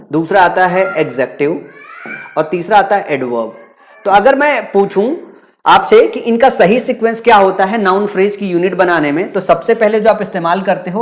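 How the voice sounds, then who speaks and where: A man teaching an exam-prep grammar lesson, repeating key points and asking rhetorical questions, calling students "bachcha". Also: high voice.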